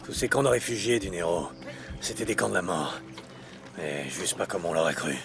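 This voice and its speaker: An actor playing a gruff, wry drifter hero in a video game, muttering sardonically to himself in a gravelly voice. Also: male voice, low-pitched, expressive, moderate pace. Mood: wry, grim.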